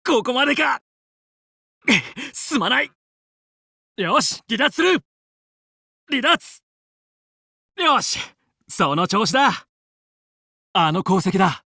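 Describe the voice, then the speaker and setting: Young heroic fox space pilot from a video game, bright forceful voice, lively swings, commanding but friendly. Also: male voice, extremely high pitch, dry recording, studio quality, full character voice. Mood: focused, confident. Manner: brisk, determined, commanding yet friendly. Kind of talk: Japanese video game voice acting.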